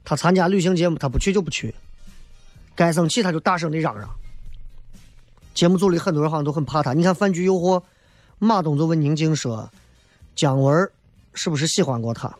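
A male talk host with a fairly high voice riffs casually and comically. He speaks in an emphatic, colloquial way and keeps checking in with short rhetorical questions. Faint music plays behind him. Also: fast talker, pauses often, darkish tone, dry recording. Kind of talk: casual comedic opinion monologue.

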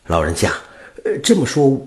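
A man's voice: mid-range voice, huge pitch swings, normal speed, voice pushed up. A man voicing a kind-hearted young butcher who talks earnestly and stammers a little. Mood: curious.

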